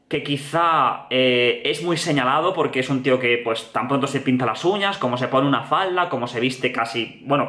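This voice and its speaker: A young man with a Spain Spanish accent reacts to a music video in casual, animated commentary and keeps dropping slang as he talks. His voice sits a touch high for a man. The sound bounces around an echoey room. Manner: animated, slangy, repeats "tío" often.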